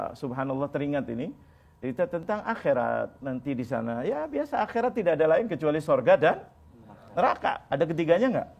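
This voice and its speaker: A man preaching a sermon to a live congregation, animated, often calling out questions to them and telling stories. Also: medium pitch, gravelly. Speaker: Islamic preacher. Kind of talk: sermon with storytelling. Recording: dull lo-fi TV broadcast audio.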